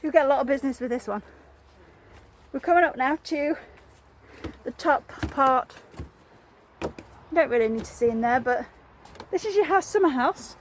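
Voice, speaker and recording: A woman's voice: high-pitched, moderate pace, long pauses, a little hiss or hum. A woman estate agent giving a chatty, enthusiastic walk-through tour of a house, a bit out of breath from wearing a mask, recorded on a handheld phone. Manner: chatty and enthusiastic, addresses viewer directly. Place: house and garden, indoors and outdoors.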